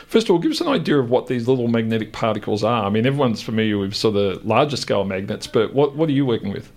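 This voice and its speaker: A man's voice: mid-range voice, expressive, fast, a little mellow. Australian male host, casual and jokey, loose conversational interviewer. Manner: chatty, joking, loose questions. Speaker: radio host. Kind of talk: radio interview.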